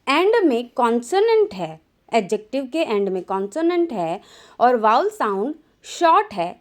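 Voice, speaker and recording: Slow, sing-song woman teacher. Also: a little high. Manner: slow, drawn-out dictation of word lists; mixes Hindi and English. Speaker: English grammar teacher. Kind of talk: classroom grammar lesson.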